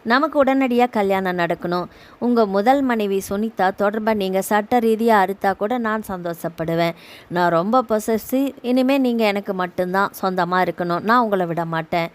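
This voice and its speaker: A woman's voice: mid-range voice, normal speed, close to an everyday voice. A woman reading as a demanding, possessive young woman. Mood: clingy. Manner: demanding, insistent. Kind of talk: audio novel reading.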